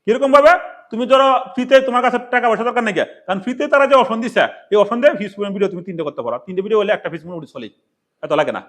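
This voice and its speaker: Rapid, high-voiced man teaching. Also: fairly bright tone. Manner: rambling, repetitive, asks and answers his own questions. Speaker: tech tutorial presenter. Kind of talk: casual spoken tutorial.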